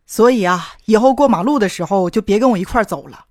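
A man voicing an excitable, emotional man who talks loudly to his friend in a comic audio sketch, with faint music behind. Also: high-pitched, fast talker, dry recording, close to an everyday voice. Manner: loud and emotional. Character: excitable, grateful middle-aged man, Lao Wang.

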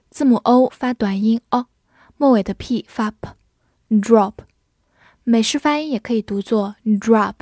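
Teaching English words from a script, a woman spells them letter by letter and reads example sentences at a slow pace. She sounds fairly high and a little mellow, and the recording is dry.

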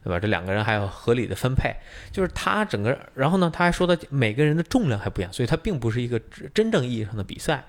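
A man's voice: medium pitch, very animated, rapid-fire, few pauses. A man co-hosting a podcast, explaining things at length in casual chat, with many fillers. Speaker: podcast co-host.

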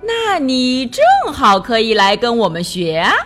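A woman voicing a polite but scheming male stork doctor in a children's storybook, drawing out his words smoothly. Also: on the high side, huge pitch swings, a bit bright, soft background music, heavily acted. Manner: drawn-out, smooth-talking.

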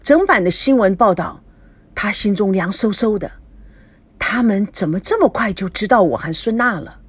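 A woman narrating an audiobook story in an expressive, lively storytelling manner. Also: medium pitch, moderate pace, husky, dry recording.

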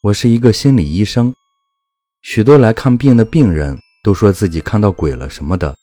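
A man narrating a first-person ghost story in a measured, calm storytelling manner. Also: lowish voice, dry recording.

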